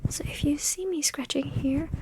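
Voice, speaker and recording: Woman doing whispered asmr instructions, breathy, kinda high, repeats words lots, noisy recording w clicks. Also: normal speed. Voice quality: breathy, mostly unvoiced whisper. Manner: whispers short phrases and repeats words over and over. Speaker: ASMR creator. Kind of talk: ASMR, whispered instructions in a playful focus test.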